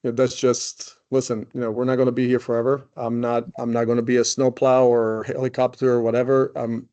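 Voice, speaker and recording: A man's voice: mid-range voice, completely flat delivery, fairly quick, warm tone. A man in his forties from Croatia, a guest in a casual interview, talking loosely with many "you know"s and restarts. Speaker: guest, company CEO.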